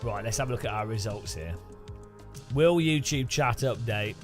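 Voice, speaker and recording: Over music, a man from the English Midlands commentates his sim racing stream at normal speed. Expect joking, animated chatter and abrupt high-pitched exclamations.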